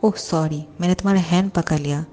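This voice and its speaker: A bossy young male boss who has fallen for his secretary, as a woman narrator puts him on. He talks in a clingy, teasing way in a lowish, mellow voice, read out as a fan story. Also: a little fast, close to an everyday voice. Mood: flustered.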